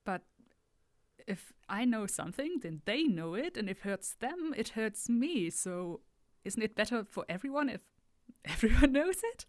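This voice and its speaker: A woman voicing a curious, gentle female alien tourist in a tabletop role-play, speaking in earnest, halting bursts. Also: a little high, very animated, no room sound, studio quality, voice pushed up.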